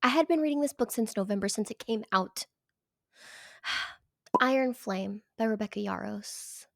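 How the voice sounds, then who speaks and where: A woman talking casually as a book reviewer, animated and emphatic, sometimes dropping into a whisper. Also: medium pitch, measured pace, gravelly, dry recording, clean studio sound. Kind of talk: casual chat.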